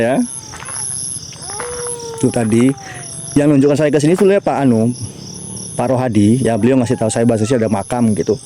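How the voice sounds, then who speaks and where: Javanese guy livestreaming outside at night, mellow voice, crickets faint behind. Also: mid-range voice, slight background noise. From Java. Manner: chatty, talks to viewers and chat, invokes spirits. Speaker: mystery vlogger. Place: outdoors at night by a riverside grave.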